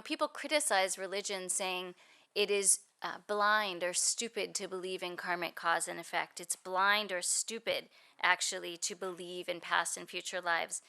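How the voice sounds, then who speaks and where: Bright-voiced woman interpreting a dharma talk. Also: mid-range voice, unhurried. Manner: fluent and explanatory, with frequent "you know" and "actually".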